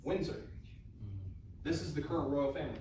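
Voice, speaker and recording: A man's voice: on the high side, steady tone, brisk, noisy background. Guy teaching a class, super casual, lots of um and like, mic way across a really echoey room. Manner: chatty, informal, with many fillers and asides. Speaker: history instructor. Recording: very echoey room recorded from a distance.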